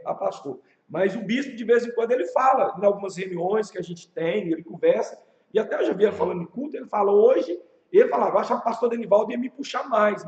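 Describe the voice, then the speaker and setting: Pastor teaching a church leadership class, Brazilian accent, lively storyteller, high voice, recorded in an echoey, muffled room. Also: male voice. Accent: Brazilian Portuguese. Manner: animated storytelling with rhetorical questions.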